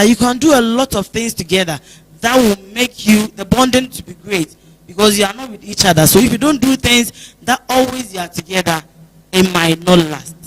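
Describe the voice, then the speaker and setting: On a church talk show, a guest speaker with a Ghanaian accent advises earnestly, playing out small phone chats as examples. She has a mid-range voice, captured in a rough recording.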